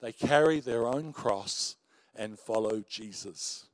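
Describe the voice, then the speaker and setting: Taking it slowly at a mid-range pitch, the pastor's big voice comes through a low-quality recording with no room sound. This middle-aged man preaches with animated stories, warm asides and self-mocking laughs.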